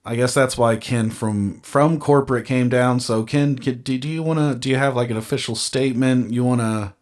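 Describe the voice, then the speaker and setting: A man's voice: medium pitch, normal speed, darkish tone. A man hosting a podcast in casual chat, rambling and hesitant with lots of fillers and joking asides. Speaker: podcast host.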